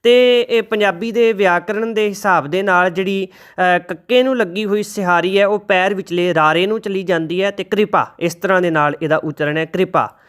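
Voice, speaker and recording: Male teacher, bright clear voice, slow measured chanting and careful spelling-out. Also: sits high. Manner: slow, deliberate, spells out letters and corrects pronunciation. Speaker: Gurbani pronunciation teacher. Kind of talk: recitation lesson with slow chanted verses.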